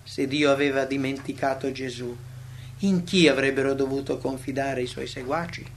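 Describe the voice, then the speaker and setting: A man reading a devotional text aloud as a narrator, solemn, with dramatic swells and hushed drops. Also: mid-range voice, fairly even intonation, moderate pace, a little hiss or hum.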